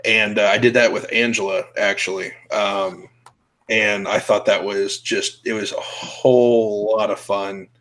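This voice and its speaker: A man's voice: lowish voice, fairly even intonation, unhurried, fairly bright tone, low-quality recording. A young man hosting a show, chatting casually with blunt, profane, laughing talk. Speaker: podcast host. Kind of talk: casual chat.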